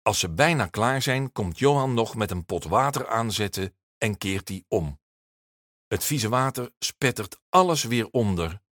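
A man reads a children's story aloud in a rather low voice, and his intonation rises and falls with plenty of life. The recording is dry and close, with no room sound. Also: animated, measured pace, a bit bright, no echo. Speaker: narrator.

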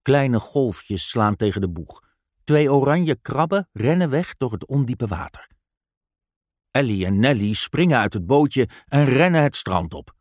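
A man narrating a children's story aloud in a slow, expressive storytelling manner. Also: medium pitch, dry recording, studio quality.

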